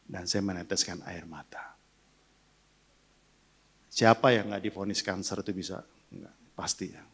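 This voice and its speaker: A man's voice: sits low, a little slow, husky. An older male pastor preaching a sermon, sharing an emotional personal testimony and leading a congregation in prayer.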